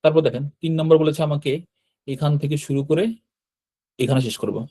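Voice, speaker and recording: A man teaching an online lesson on writing characters step by step. He talks patiently, repeats each stroke, and often checks in with a quick "yes". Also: fairly high pitch, warm tone. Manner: patient, repeats steps, frequent "hyaan" checks. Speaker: Japanese language teacher. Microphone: computer mic while drawing with a mouse.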